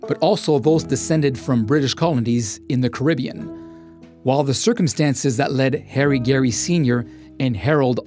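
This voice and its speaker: A man narrating a history documentary in a measured, formal scripted delivery. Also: medium pitch, darkish tone.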